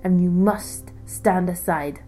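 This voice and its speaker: A woman voicing a bold male fox guide who speaks loudly and firmly. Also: on the low side, slow pace, faint music behind. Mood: commanding. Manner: loud, firm, declaring.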